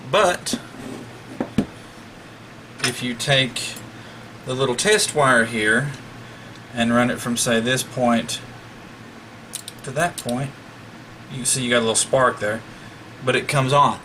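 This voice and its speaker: A hobbyist radio repairer explains an electronics fix one step at a time for a demo video, keeping things folksy and relaxed. He talks slowly at a medium pitch, leaving long pauses, over some background noise.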